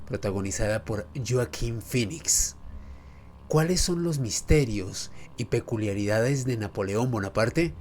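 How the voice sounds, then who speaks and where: A man with a medium-pitched, somewhat dark voice hosts a history and mystery channel. His semi-scripted documentary narration is formal, emphatic, and rhetorical, told in a storytelling style.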